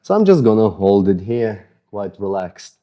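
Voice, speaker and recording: Speaking at a moderate pace in a fairly low voice, a man with an Eastern European accent guides a follow-along mobility session just after a sweaty workout. His relaxed, easygoing coaching includes self-deprecating jokes about his stiff muscles, and the sound is lo-fi.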